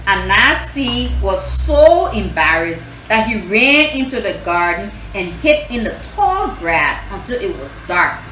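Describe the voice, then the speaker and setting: Reading to children with an animated story and lesson, this host from Liberia sounds teacherly, repeats herself, and quizzes her audience. She speaks at a medium pitch in a sing-song, bright, forceful tone, a little slowly and with hardly any pauses. There's roomy echo and clear background noise.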